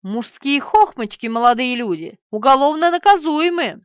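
A woman's voice: sits high, animated, moderate pace, clean tone, dry recording. A woman voicing a feisty, mischievous young woman with a bold, teasing manner in an audiobook. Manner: bold, teasing, sharp-tongued. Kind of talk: audiobook character reading. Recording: dry, slightly dull studio recording.

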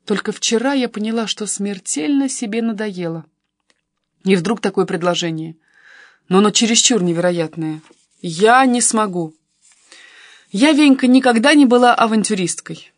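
A woman narrating a first-person audiobook as the heroine, in a wry, self-doubting, measured way. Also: medium pitch, no room sound, studio quality.

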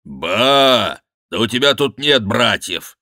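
A man's voice: sits low, expressive, slow pace, sharp tone, dry recording, clean studio sound, heavily acted. A man voicing a fat, brazen monk who bellows and mocks, preaching with scorn in an audiobook reading. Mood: scornful.

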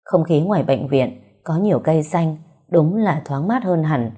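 A woman narrating a romance story, with even, unhurried reading. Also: deep voice, slightly rough.

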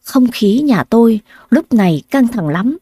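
Warm-voiced woman telling a sad story. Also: fairly high pitch, expressive, measured pace, breathy edge, dry recording. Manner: plaintive, emotional. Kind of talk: first-person story narration.

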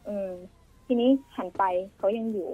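A young woman calling in, telling her story casually and excitedly. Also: dry recording. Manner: fast, excitable, self-calls "หนู". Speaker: caller. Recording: tinny phone line.

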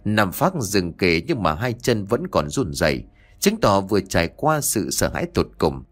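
Deep-voiced male storyteller, animated. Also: normal speed, soft background music. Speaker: audiobook narrator. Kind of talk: storytelling narration.

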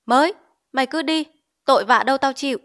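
A woman's voice: on the high side, fairly quick, fairly bright tone, close to an everyday voice. A woman voicing a hot-tempered male village chief, blustering and giving orders in a storybook reading. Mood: angry.

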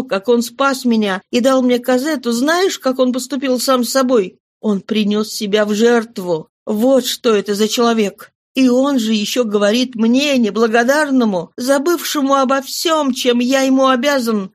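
A woman's voice: fairly high pitch, voice pushed up, natural voice. A woman voicing an ardent young man. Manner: emphatic, impassioned. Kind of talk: audiobook reading.

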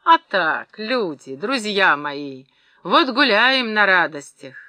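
Man reading as a drunk boastful old gold tycoon, loud, swaggering, high bright voice, dry sound. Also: sing-song, slow, dry recording, exaggerated voice. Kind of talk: audiobook character voice.

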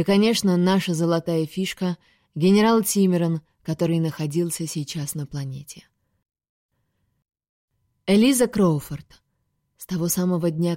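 This audiobook narrator, a woman with a low and mellow voice, reads a first-person sci-fi story steadily and expressively. The recording is close-miked and dry, with no room sound at all.

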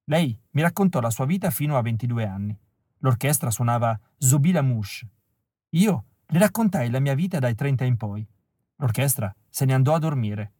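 A man reading a first-person novel aloud as an audiobook, telling it in a wry, expressive way that keeps dropping to a flat, quiet tone. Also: medium pitch, normal speed, dry recording. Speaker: audiobook reader. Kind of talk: first-person literary narration.

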